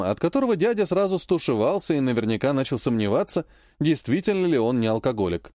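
A man narrating an audiobook in the first person with an expressive reading. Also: on the high side, dry recording, clean studio sound.

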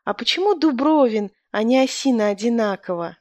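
A playful teenage daughter, as a woman reader puts her on, pitched high and girlish. She teases with a light, bright tone. The sound is dry. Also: animated, a little fast, no room sound, natural voice. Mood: teasing.

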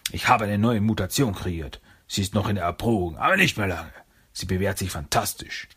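A man's voice: on the low side, animated, brisk, fairly bright tone, breathy edge, full character voice. A man voicing a curt, boastful male villain mastermind in a storybook reading. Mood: gruff. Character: scheming, ill-tempered male villain mastermind.

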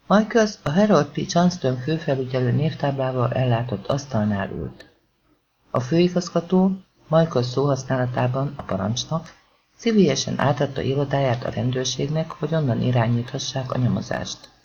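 A male audiobook narrator with a measured reading style. His voice is gravelly and moves around a lot in pitch. The recording sounds a little dull. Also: lively intonation, a little mellow, slight background noise.

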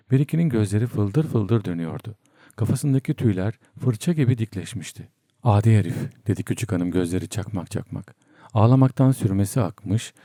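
A male audiobook narrator with a very dark, mellow, low voice, reading in a steady, measured way. The recording is close and dry. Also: no room sound.

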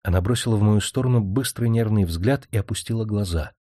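A man's voice: on the low side, fairly quick, mellow, no room sound, clean studio sound. Man reading a dramatic audiobook. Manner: dramatic, emotional first-person reading. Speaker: audiobook reader. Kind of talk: scripted audiobook narration.

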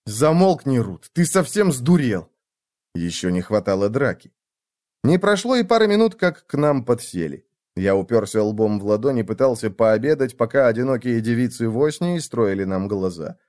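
A man narrating a first-person fantasy story in an expressive, dramatic reading. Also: medium pitch, moderate pace. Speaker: audiobook narrator.

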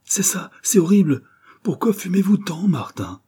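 A man reading a novel aloud, voicing a refined young woman who gently scolds and pleads with her fiancé. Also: lowish voice, normal speed, slightly rough. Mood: reproachful. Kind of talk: audiobook character reading.

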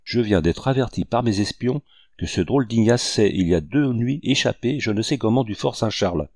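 A man's voice: on the low side, expressive, normal speed, darkish tone, no echo, clean studio sound. A man voicing a jovial Creole general in his thirties bringing urgent news.

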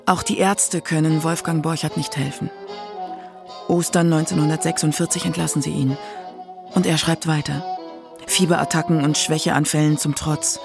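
A narrator reads scripted documentary narration for a radio feature, with instrumental music playing behind the voice. The delivery is flat and moderately paced, in a medium-pitched, gravelly voice.

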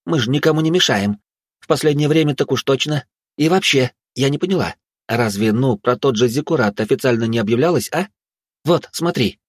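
A man's voice: medium pitch, expressive, brisk, breathy edge, dry recording, pitched above the performer's own voice. A brash young woman fighter with a teasing, snappy tongue, as a man voices her in a storybook. He lifts his voice well above his own. Dry, close sound. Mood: mocking. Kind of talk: audiobook character voice.

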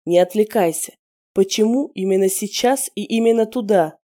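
A woman's voice: mid-range voice, normal speed, warm tone, natural voice. A woman voicing a stern young male werewolf interrogator who speaks in curt, commanding orders, in an audiobook.

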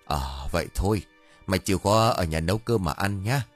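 A man's voice: sits low, fairly quick, faint music behind. A man voicing a grumpy, cunning old male exorcist who scolds and mutters curses in a ghost story. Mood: gruff grumbling.

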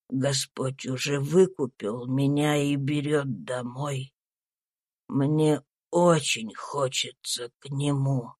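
Woman voicing a dying old man, low and hushed, slow breathy words, devout, dry close sound. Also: dry recording, heavily acted. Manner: weak, faint, slow and solemn. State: whispery and breathless. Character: dying old male slave, gentle and devout. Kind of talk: audiobook reading.

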